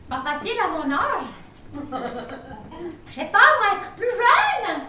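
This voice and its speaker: A woman's voice: extremely high pitch, sing-song, takes it slowly, bright, forceful tone, exaggerated voice. A woman playing a dotty, doting old lady who rambles and exclaims in a comic drama. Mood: dreamy, hesitant. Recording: very echoey, distant mic, background noise.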